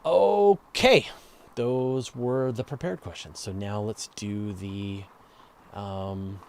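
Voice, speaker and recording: A man with a fairly low, slightly mellow voice speaks slowly as host of a live space and astronomy question-and-answer show. His casual explanations go step by step, conversational, with key words stressed. There's slight background noise.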